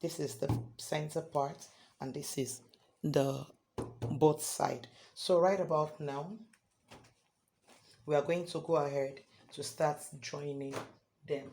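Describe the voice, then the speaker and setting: A hoarse man teaching a sewing tutorial step by step, often checking in with "okay?". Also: fairly high pitch, fairly even intonation, slow pace, pauses often, a little mellow, slight background noise. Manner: repeats points, ends lines with "okay?". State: hoarse from singing. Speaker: sewing instructor.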